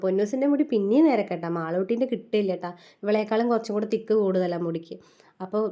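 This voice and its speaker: A woman in her thirties with a Malayali accent narrates a family vlog in a quick, easygoing patter. Her voice is mellow and dark rather than bright, and she keeps tagging friendly little asides onto her lines as she talks. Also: medium pitch. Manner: chatty, homely, often ending lines with a tag. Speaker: family vlogger, mother. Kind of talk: casual voice-over narration.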